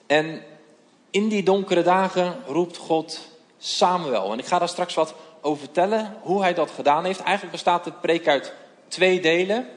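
A man preaching a sermon in an earnest, measured way and reading Bible passages aloud. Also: fairly high pitch, long reverb tail.

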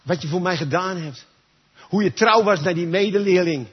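A man's voice: high voice, normal speed, husky. A man preaching a sermon in a church gathering, talking emphatically and straight to his listeners. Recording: dull lo-fi recording.

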